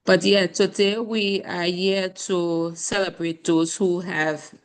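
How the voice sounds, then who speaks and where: A hoarse woman with a Liberian accent delivers a formal keynote over a video call from a remote rural spot. Her voice sits low and sounds strained and worn. She talks earnestly, with frequent ums and uhs. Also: little pitch movement, slow. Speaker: keynote speaker, government minister. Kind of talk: keynote address. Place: rural area, joining remotely. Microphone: video call, camera off.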